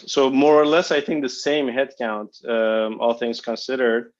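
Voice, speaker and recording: A man of medium pitch, a company executive, speaks a little slowly as he fields analysts' questions over a muffled, low-fidelity conference line. His answers stumble, with frequent fillers and false starts.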